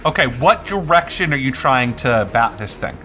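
A man's voice: mid-range voice, animated, moderate pace, pushed and bright, soft background music. A man acting as game master, casually narrating combat and rulings in a tabletop role-playing game.

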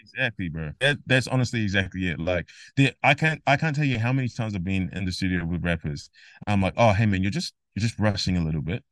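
Animated man explaining with emphasis. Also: deep voice, fast, dry recording, studio quality. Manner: animated, emphatic, acts out imagined dialogue. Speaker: guest, rapper and music theory educator. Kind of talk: casual podcast interview.

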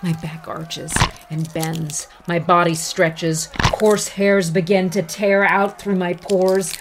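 A woman's voice: on the low side, flat delivery, slow pace, noisy background. A teen werewolf girl. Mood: anguished. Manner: intense, swearing, breathless dread. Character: teenage girl turning into a raging werewolf. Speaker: lead character narrating in first person. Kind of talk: horror audio drama narration.

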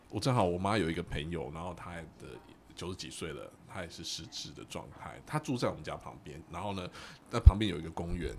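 A man co-hosting a podcast, telling a personal story in casual chat and acting out the quoted dialogue with lively energy. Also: deep voice, a little hiss or hum. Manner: animated storyteller who acts out quoted dialogue.

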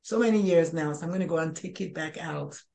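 A woman in her sixties talks as a guest on an interview podcast. Her voice is on the lower side. She rambles, restarting her sentences and filling gaps with ums. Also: quick pace, creaky, dark tone. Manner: rambling, many restarts and fillers. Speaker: guest, pediatrician and life coach. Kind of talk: interview conversation.

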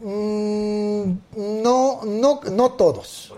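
Male interview guest, Mexican accent, animated raconteur, somewhat high register. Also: very slow. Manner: lively storyteller who acts out the quoted speech of others. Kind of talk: casual interview anecdotes.

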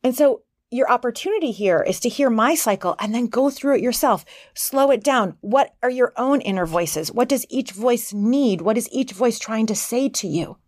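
A middle-aged woman hosting a motivational podcast as a life coach, earnest and encouraging, sometimes bursting with excitement. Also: fairly high pitch, moderate pace, hardly any pauses, no echo, studio quality. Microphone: podcast microphone.

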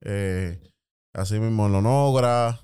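A man with a Dominican accent in casual banter, excitable and full of slangy interjections. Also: fairly low pitch, slow, clear, resonant tone.

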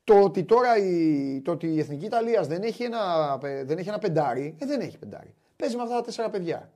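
A man hosting a basketball talk show, chatting animatedly and wryly, often restarting his sentences. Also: high-pitched. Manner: animated, wry, many restarts. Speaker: sports show host. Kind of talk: casual basketball chat.

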